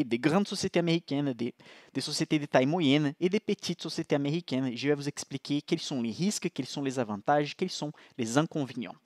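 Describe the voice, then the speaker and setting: A man's voice: mid-range voice, no echo, studio quality. A man with a Brazilian accent, Portuguese his first language, hosting a live-streamed investing class in a casual, chatty way that keeps checking in with listeners. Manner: chatty, repeats "ok?" and restarts. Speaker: livestream host, financial analyst.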